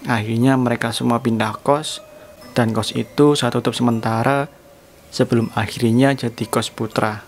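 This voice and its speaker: A man voicing a middle-aged landlady who calmly and solemnly recounts a sad past event. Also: mid-range voice, normal speed, slight background noise, lightly acted. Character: middle-aged woman boarding-house landlady, calm and solemn. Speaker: landlady telling a sad story.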